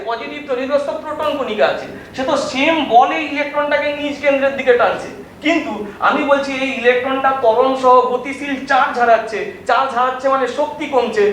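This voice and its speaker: A man teaching a televised physics lesson with a Bengali accent, explaining slowly and repeating points with questions to the students. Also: very high-pitched, fairly bright tone. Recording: very echoey room, distant mic, faint noise.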